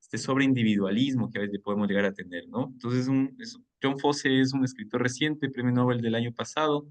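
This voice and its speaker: A man leads a book club over a video call, speaking at an ordinary middle pitch. He is friendly and chatty, laughs lightly now and then, and explains things at length. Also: brisk. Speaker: reading club moderator. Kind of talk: casual online meeting.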